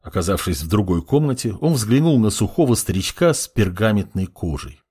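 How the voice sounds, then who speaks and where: A man narrating a dark fantasy audiobook in a dramatic, expressive storytelling manner. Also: fairly low pitch, fairly quick, breathy edge. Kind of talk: scripted narration.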